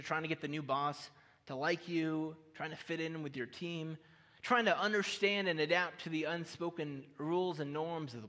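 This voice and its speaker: Male preacher, story-driven sermon with gentle humor, slightly high voice, long hall reverb. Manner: personal storytelling with light humor, addressing the audience.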